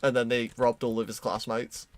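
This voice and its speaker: A British man streaming his 3D modelling work, chatting casually with a friend in a relaxed, self-deprecating way and cracking dry jokes. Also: medium pitch, moderate pace. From United Kingdom. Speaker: streamer, 3D artist. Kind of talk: casual chat while working.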